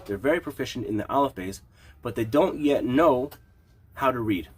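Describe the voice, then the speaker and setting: A man's voice: medium pitch, lively intonation, normal speed. A man teaching like a rabbi in an informal, explanatory lesson, with a questioning manner of posing questions and answering them. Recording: clear background noise.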